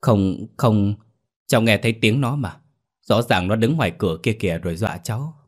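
A man voicing a terrified young village man who pleads in a rapid panic. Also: on the low side, natural voice. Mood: shaken.

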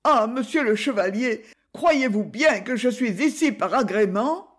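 A man's voice: very high voice, lively intonation, measured pace, pitched above the performer's own voice, exaggerated voice. A flustered, put-upon businessman complains in a raised, plaintive voice, as a male reader puts him on. He sounds indignant and sorry for himself, a minor character in an old storybook adventure. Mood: aggrieved.

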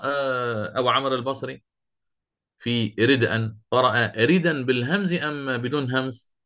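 A middle-aged man teaching Quranic recitation rules, explaining step by step, asking his students questions and reciting verses slowly. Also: medium pitch, pushed and bright. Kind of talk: interactive lesson on Quranic readings.

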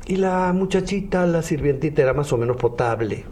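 High, lively man telling jokes on radio. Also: fairly quick. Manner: laughs often while telling jokes, acts out voices. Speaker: radio host. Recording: noisy radio broadcast.

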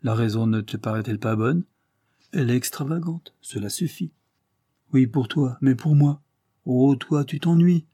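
A man's voice: mid-range voice, normal speed, dark tone, no echo, studio quality, voice pushed up, natural voice. A man voicing an impulsive, exuberant young man eager to travel. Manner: exuberant, insistent.

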